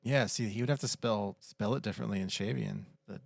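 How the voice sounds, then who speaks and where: A man's voice: on the low side, brisk, vocal fry, no room sound, studio quality. An American man co-hosting a podcast, easygoing and often answering with short agreements. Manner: easygoing, brief agreeing replies. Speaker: podcast co-host. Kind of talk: casual chat.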